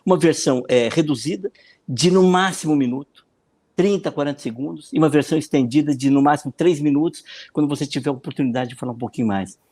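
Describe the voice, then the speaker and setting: A man with a Brazilian Portuguese accent, a consultant answering questions in a podcast interview. He explains in an animated way, often repeating words and acting out the voices of the people he quotes. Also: on the high side, quick pace. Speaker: political consultant and speaking coach.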